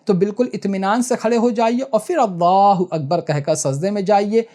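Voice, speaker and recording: A man teaching how to perform a prayer, step by step and patiently, often checking that listeners follow and chanting the recitations slowly. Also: sits high, dark tone. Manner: slow, drawn-out chanting in recitations. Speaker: prayer instructor. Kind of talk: step-by-step religious tutorial.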